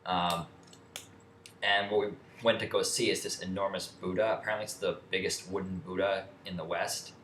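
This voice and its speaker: A man's voice: sits low, little pitch movement, normal speed, fairly bright tone. A young man telling a story in a rambling, profane way, with many restarts and fillers. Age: young adult. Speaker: vlogger. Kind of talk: casual storytelling rant. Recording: echoey room with faint ambient noise.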